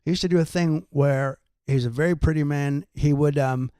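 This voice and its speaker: A man's voice: on the high side, fairly even intonation, a little fast, dark tone, clean tone, no echo. A man co-hosting a podcast, chatting casually and telling jokey, wandering stories. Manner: jokey, tangential storytelling. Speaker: podcast co-host and comedian. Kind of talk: casual chat.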